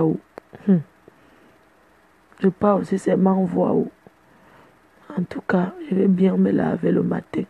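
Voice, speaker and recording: A woman's voice: lowish voice, vocal fry, husky, dull audio. A woman chatting casually to her fans in a playful, boastful way. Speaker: social media personality addressing fans. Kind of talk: casual live video chat.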